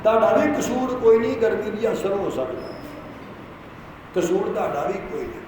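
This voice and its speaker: A man's voice: high-pitched, animated, moderate pace, darkish tone. A man with a Punjabi accent preaching a Sunday sermon, leading the congregation in call-and-response and urging them to repeat his words aloud. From Punjab, India. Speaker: pastor. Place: church hall. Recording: echoey hall with long reverb and noise.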